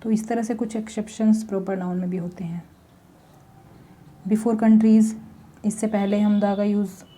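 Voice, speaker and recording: A woman teaching a grammar lesson, slowly explaining step by step with examples. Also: mid-range voice, dark tone.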